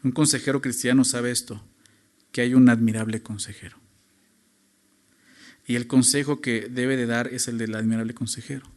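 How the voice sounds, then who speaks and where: A man preaching a sermon as pastor, stressing points with rhetorical questions and moving between loud emphasis and quiet low phrases. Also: steady tone, normal speed, long pauses.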